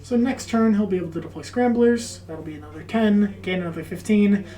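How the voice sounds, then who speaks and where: A woman's voice: mid-range voice, a little fast, mellow. A woman chatting casually as co-commentator on a tabletop game, muffled by a face mask. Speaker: match co-commentator.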